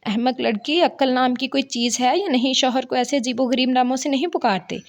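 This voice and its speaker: A woman voicing a strict middle-aged mother who scolds her stubborn daughter. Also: high-pitched. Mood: scolding.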